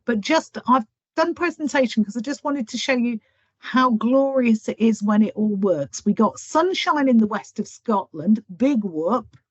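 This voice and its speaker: A woman's voice: a little high, lively intonation, unhurried, breathy edge, no room sound. A woman academic giving a seminar talk over a video call, in a chatty, self-deprecating way. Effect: heard over a video call. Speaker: academic presenter. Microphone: computer mic on a video call. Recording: dry, dull video-call audio.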